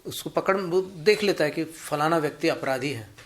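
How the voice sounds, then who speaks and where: A man giving a Jain religious discourse, teaching in a measured way and explaining points through anecdotes and examples. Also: a little high. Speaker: Jain preacher.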